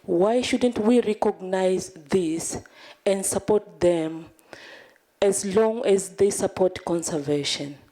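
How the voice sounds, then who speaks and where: In a mellow, mid-range voice, a Tanzanian civil society delegate speaks slowly from the floor of a large conference hall. Earnest and pleading, she restarts now and then as she thinks aloud in this impassioned comment.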